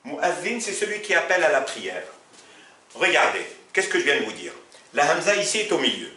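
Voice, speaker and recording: A man explains Arabic grammar in French during a classroom lesson, his high-leaning voice very animated, sharp, and a little fast. He keeps telling the class to look and poses questions he answers himself. The mic is far away in an echoey room.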